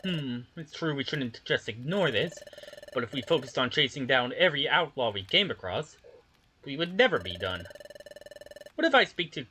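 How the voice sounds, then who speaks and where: A player reading video game dialogue aloud with casual, expressive delivery. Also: mid-range voice, normal speed, a little hiss or hum.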